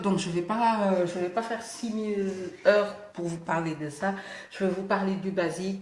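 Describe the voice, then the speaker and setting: A woman's voice: medium pitch, darkish tone. A woman with a lisp that makes her s slushy, chatting casually and emphatically to camera with English interjections. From Senegal. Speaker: beauty vlogger. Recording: roomy, echoing indoor sound.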